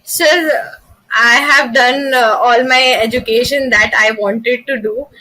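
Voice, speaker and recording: A woman's voice: on the high side, fairly even intonation, takes it slowly, bright, forceful tone, poor audio. A young woman with an Indian accent answering as a job interview candidate, formal and deferential. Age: young adult.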